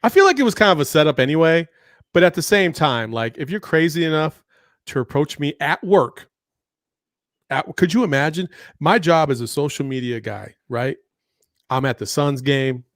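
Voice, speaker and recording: A man's voice: fairly high pitch, normal speed, no room sound, studio quality. A man co-hosting a podcast, telling stories with lots of laughter in casual chat. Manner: laughing, animated storytelling. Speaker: podcast co-host.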